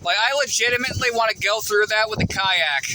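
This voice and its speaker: Heavy background noise surrounds a man as he vlogs casually outdoors on a rural delivery route, recording on his phone. He talks at a quick pace, rambling, cursing, and swinging his pitch in a lively way.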